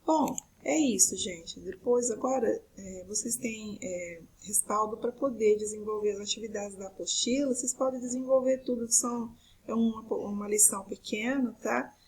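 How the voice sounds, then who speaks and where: A Brazilian woman with a fairly high, husky voice teaches a recorded video lesson. She walks through each point step by step and keeps checking that her students follow along. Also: moderate pace, a little mellow, rough recording. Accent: Brazilian Portuguese. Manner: explains step by step, often checking with tá and né.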